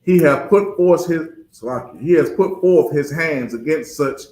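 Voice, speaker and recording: A man reading texts aloud for a street preacher, in a measured, steady manner. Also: on the high side, reverberant, poor audio. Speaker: scripture reader.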